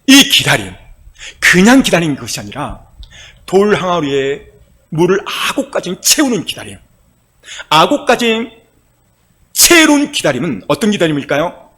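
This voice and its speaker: A male pastor preaching a sermon with passion, moving from soft, quiet passages to loud cries. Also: high-pitched, husky. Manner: impassioned preaching, swinging from soft to shouting.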